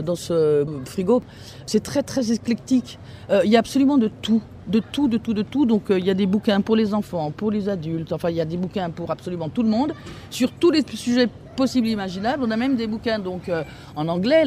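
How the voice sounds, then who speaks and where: A man with a notably high voice explains a street book-sharing project while standing outdoors, faint traffic around him. He speaks haltingly, with constant fillers and tag questions. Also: a little mellow. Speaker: recycling centre staff member. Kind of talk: explaining on-site to an interviewer.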